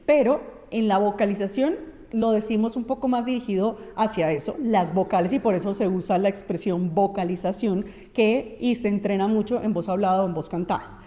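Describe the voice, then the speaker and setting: A woman's voice: medium pitch, fairly quick, mellow. A woman, a speech therapist, explaining voice and articulation in an interview, laying out her points one by one and acting out examples. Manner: didactic, counts points, acts out examples. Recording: reverberant room.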